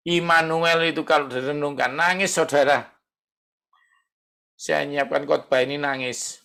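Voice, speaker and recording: A middle-aged pastor delivers an evening prayer sermon. His voice sits fairly high for a man, and his preaching is animated and conversational. He often acts out the prayers of his listeners. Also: unhurried, creaky, clear, resonant tone.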